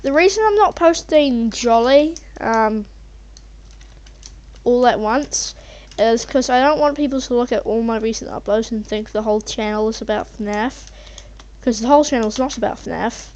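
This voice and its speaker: A woman's voice: a little high, moderate pace, a little mellow. A woman casually rambling over her gameplay as a channel host, hesitant and meandering as she thinks aloud. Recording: muffled mic with faint background noise, keyboard typing.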